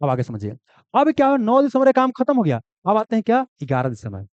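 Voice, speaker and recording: A man's voice: high voice, wildly swooping pitch, quick pace, no room sound. A man teaching an exam coaching class, repeating key answers and asking and answering his own questions. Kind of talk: classroom lecture. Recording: dull, dry, lo-fi sound.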